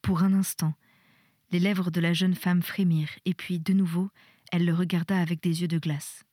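A woman narrates a novel for radio in a steady, even reading voice. Her voice sits a little low. The sound is dry and close to the mic. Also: normal speed, no echo. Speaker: reader. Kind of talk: literary audiobook reading.

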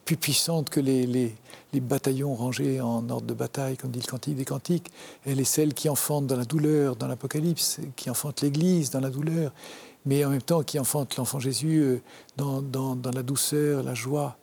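French man, parish priest, halting earnest interview talk, dark gravelly voice. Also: mid-range voice, fairly even intonation. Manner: halting, many restarts, earnest. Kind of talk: interview, devotional reflection.

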